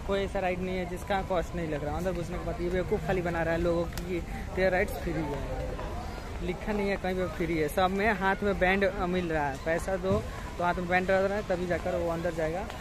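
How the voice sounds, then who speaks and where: Strolling through a crowded amusement park, this young man chats informally to his viewers in a repetitive, casual way, filming on a phone or camera at arm's length. He has a high voice with fairly even intonation and talks a little fast, while crowd noise, vehicles and general outdoor ambience fill the background.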